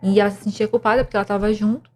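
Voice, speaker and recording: A woman's voice: mid-range voice, steady tone, very fast, darkish tone. A young woman, earnestly telling a personal story of faith and depression as a podcast guest, with many restarts. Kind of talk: emotional personal testimony.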